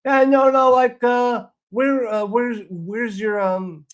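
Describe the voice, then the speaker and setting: Man mimicking a prying high-pitched airline agent. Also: level tone, clean tone. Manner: halting, repetitive questioning. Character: female airline counter agent, prying and dismissive.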